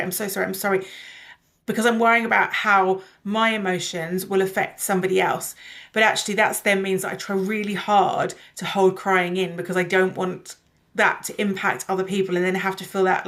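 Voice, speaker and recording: A woman's voice: medium pitch, a bit bright. A woman hosting her own channel, talking to camera in a casual, earnest way as a coach and sharing personal stories. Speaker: somatic coach and channel host.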